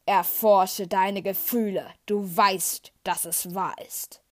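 A woman doing a slow, menacing dark lord. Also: steady tone, natural voice. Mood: persuasive. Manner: slow, low, deliberate. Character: menacing dark lord, male, cold and commanding.

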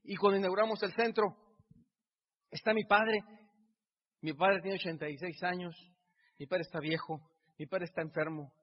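In a reverberant hall with dull sound, a middle-aged motivational speaker from Mexico delivers an emotional talk that builds through repetition. His voice sits high, with fairly even intonation, a moderate pace and frequent pauses.

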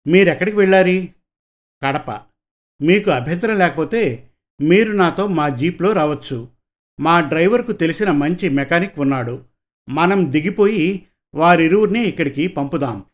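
A man reading a story, voicing a young woman officer who speaks clearly and courteously. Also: on the high side, animated, normal speed, pauses often, natural voice. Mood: helpful. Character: young woman block development officer, direct and polite. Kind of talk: audiobook character voice.

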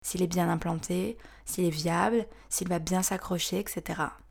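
Frank, gravelly woman podcast host. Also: lowish voice, steady tone, moderate pace. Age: 30s. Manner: frank, wry, confiding. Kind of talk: scripted podcast narration.

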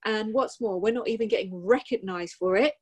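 A woman talking casually on a podcast, thoughtful and wry, often pausing with ums. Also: medium pitch, slightly rough. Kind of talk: casual chat.

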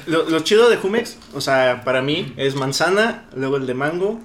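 A man's voice: fairly high pitch, animated, moderate pace, a little hiss or hum. A young Mexican man with a Mexican Spanish accent, co-hosting a podcast with slangy, teasing, opinionated chatter. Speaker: podcast co-host. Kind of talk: casual podcast banter. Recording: echoey room with music playing.

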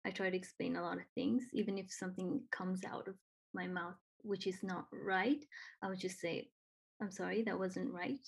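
Talking earnestly and encouragingly in casual conversation, this Nepali woman speaks accented English, saying um often and repeating phrases. Her fairly low voice is gravelly with a breathy edge, steady in tone and at a normal speed.

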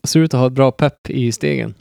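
A man's voice: medium pitch, gravelly, darkish tone, smooth, no echo, clean studio sound. A man in his thirties hosting a film podcast, joking and rambling with lots of fillers and restarts. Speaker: podcast host. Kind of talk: casual film podcast chat.

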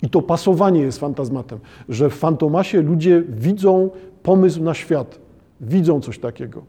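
Guy lecturing on literature, kinda high but really dark mellow voice, lots of uh pauses. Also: lively intonation, slightly rough. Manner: halting, with frequent "e" hesitations and restarts; addresses listeners formally and checks understanding.

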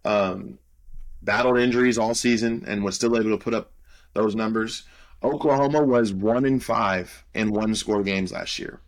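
Low-voiced young man talking football. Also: normal speed. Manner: loose and confident, many "um" fillers. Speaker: podcast co-host and college football analyst. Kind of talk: casual sports chat.

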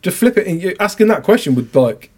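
Bloke talking fast on a podcast, bit higher voice, acts out phone calls and swears a lot. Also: male voice, big pitch swings, a little mellow, slightly rough. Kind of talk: casual podcast chat.

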